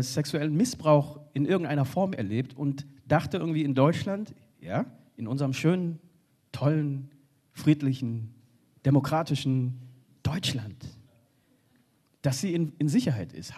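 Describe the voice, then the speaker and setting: A man speaking earnestly on a panel from a stage, often halting and restarting. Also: on the high side, lively intonation, mellow, slightly rough. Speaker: panel speaker for a refugee organization. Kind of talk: spoken panel contribution. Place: stage in a hall.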